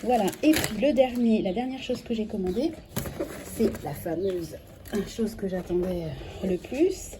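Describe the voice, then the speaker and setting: A woman in her thirties with a French accent, chatting casually through a grocery unboxing vlog, correcting herself often and filling pauses with "euh". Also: mid-range voice, lively intonation. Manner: chatty, self-correcting, many fillers. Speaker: vlogger. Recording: clear background noise.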